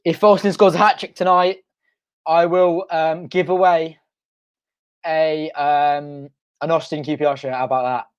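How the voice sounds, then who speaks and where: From his home front room, a young adult man hosts a live football watch-along for his fan channel, excitable and shouting and chanting when goals go in. His fairly high voice moves a little slowly and is turning hoarse as he loses it.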